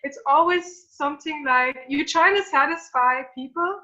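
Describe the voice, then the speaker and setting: A woman from Croatia, chatting as an interview guest and often pausing with fillers and restarts. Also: high-pitched, bright, forceful tone, lo-fi sound. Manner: hesitant, many fillers and restarts. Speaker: guest entrepreneur. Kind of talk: casual interview conversation.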